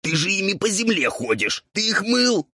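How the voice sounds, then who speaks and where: A man's voice: medium pitch, lively intonation, slow pace, fairly bright tone, breathy edge, no echo, studio quality, pitched above the performer's own voice, heavily acted. A man hissing as a bossy male ghoul. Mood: exasperated. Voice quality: hissing, strained timbre. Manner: scolding, bossy.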